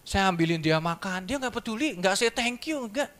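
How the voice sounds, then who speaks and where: Man, high voice, bright forceful tone, church testimony, lively storytelling. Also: moderate pace. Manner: lively storytelling, acts out quoted dialogue. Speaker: church speaker giving a testimony. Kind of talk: sermon testimony. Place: church service.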